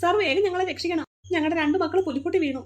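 A woman voicing an anxious, fussing mother in a cartoon, shrill and scolding. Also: very fast. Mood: frantic. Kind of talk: cartoon voice acting.

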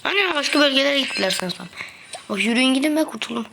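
A young woman playing a mobile game and giving excitable, trash-talking commentary, playfully complaining as she goes. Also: high voice, fast talker, gravelly, background noise. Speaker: gaming video host. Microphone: phone.

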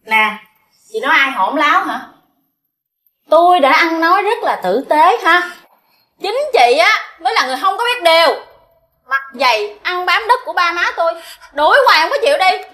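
Brief: taunting Southern Vietnamese sister-in-law, very high and bright. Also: female voice, big pitch swings, normal speed, pauses often, full character voice. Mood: scornful. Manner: scornful, taunting. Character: sharp-tongued sister-in-law, scornful young woman.

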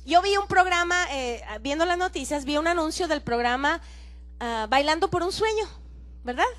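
A woman pastor giving a lively, playful sermon in a church, acting out little scenes and sometimes shouting in mimicry. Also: very high voice, normal speed. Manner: animated, playful, acts out dialogue and shouts in mimicry.

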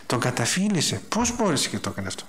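Male preacher, mid-pitched, animated storyteller who acts out dialogue in the sermon.

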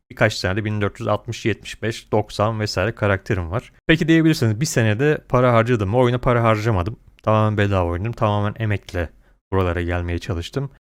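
Male gaming creator, mid-pitched and clean-toned, blunt and opinionated, slangy complaints. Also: smooth. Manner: blunt, complaining, uses slang and mild swearing.

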